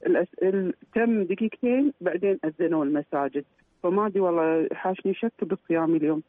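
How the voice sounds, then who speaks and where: A woman calls in over a dry, tinny phone line. She speaks quickly and fairly high, halting and stumbling over words as she recounts what happened. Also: no room sound. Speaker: caller.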